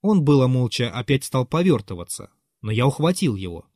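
Expressive male audiobook reader, lively pitch. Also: brisk, dry recording, studio quality. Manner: expressive and dramatic reading. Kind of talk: literary audiobook narration.

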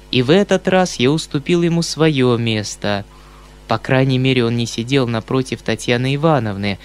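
A man narrating a classic novel in a measured, expressive storytelling voice. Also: mid-range voice, smooth. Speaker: audiobook reader.

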